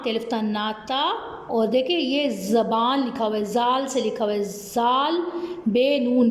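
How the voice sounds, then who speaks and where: A woman's voice: high voice, echoey room. A woman teacher with a Pakistani Urdu accent, patiently spelling out words letter by letter for young children in an online class. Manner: slow, patient spelling out of letters, repeating "ठीक है?". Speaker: primary school teacher.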